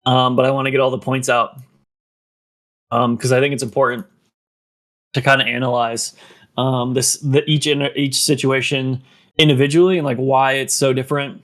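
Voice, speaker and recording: With a mid-range, slightly bright voice and a level tone, a man talks at normal speed but pauses often. It's a casual podcast, and he rambles along using "like" and "um" heavily while somewhat short of breath.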